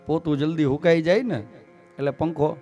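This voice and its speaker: A man tells a devotional story to a live gathering in a folksy, joking manner. His voice sits a bit high. Faint instrumental music plays in the background. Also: brisk. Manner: folksy, humorous, animated. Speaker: scripture storyteller.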